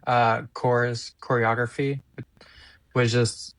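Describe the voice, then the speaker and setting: A man co-hosting a podcast, introducing and reviewing songs in a relaxed, hesitant casual chat. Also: medium pitch, slow pace, no room sound. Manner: relaxed, laughs easily, hesitant fillers. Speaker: podcast co-host.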